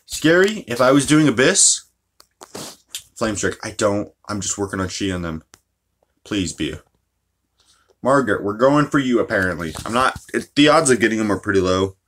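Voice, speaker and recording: A man's voice: fairly low pitch, expressive, moderate pace, pauses often, fairly bright tone. A man giving casual, profanity-laced commentary while playing a mobile game, ranting about his luck. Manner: chatty, swears freely, ranting.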